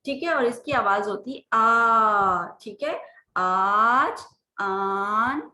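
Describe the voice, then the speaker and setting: A woman's voice: a little high, extremely slow, pushed and bright, roomy sound, slight background noise, rough recording. A woman teaching Urdu letter sounds to beginners, patiently drawing out each sound and checking in with "theek hai". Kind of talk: slow phonics lesson with slides.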